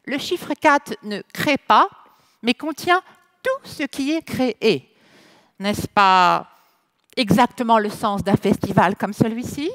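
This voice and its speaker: A woman's voice: a little high, lively intonation, fairly bright tone, no echo. A woman with a French accent hosting a festival opening ceremony on stage, joking playfully and switching between French and English. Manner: playful, teasing, deliberate delivery. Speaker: ceremony host. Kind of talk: bilingual ceremony hosting with jokes. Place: festival stage before an audience.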